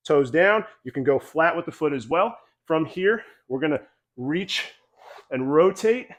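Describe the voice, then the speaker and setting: A man coaching a mobility routine while doing the moves himself, a little out of breath, calm and encouraging. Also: a little high. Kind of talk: guided exercise instruction.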